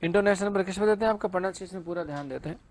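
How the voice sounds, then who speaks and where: A man's voice: sits high, racing, darkish tone. A male teacher giving an exam-prep lecture, asking and answering his own questions and reading English lines in a Hindi accent.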